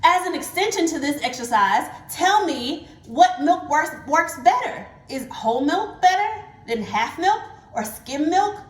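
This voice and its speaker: A woman hosting an educational kids' demonstration, talking in an excited, encouraging way to a young child, with exclamations. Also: high voice, unhurried, hardly any pauses. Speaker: host of a family kids' science show. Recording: echoey room.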